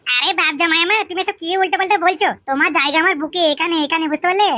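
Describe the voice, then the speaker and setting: Sweet-talking mother-in-law played by a woman, high, bright, rapid. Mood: coaxing. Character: coaxing middle-aged mother-in-law, thirties by her claim. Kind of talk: comic village skit.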